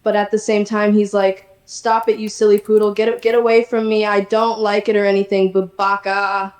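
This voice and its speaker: A synthetic text-to-speech woman's voice playing a sassy, energetic female poodle chatbot, chatty and teasing. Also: medium pitch, normal speed, roomy sound. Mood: playful.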